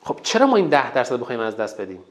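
A man's voice: medium pitch, huge pitch swings. A man teaching a lesson as a public speaking coach, emphatic and counting off steps, whose first language is Turkic. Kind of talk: online lesson.

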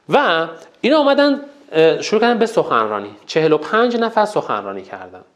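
A man teaching a lesson as a public speaking coach, emphatic and counting off steps, whose first language is Turkic. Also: a little high. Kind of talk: online lesson.

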